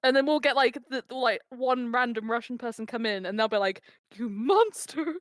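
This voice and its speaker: A woman with a high, bright voice chats with a stream audience. She teases, giggles and swears freely. The sound is close and dry. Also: a little fast, no room sound. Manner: giggly, teasing, heavy swearing. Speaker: backseat gamer co-host. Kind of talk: casual stream chat with viewers.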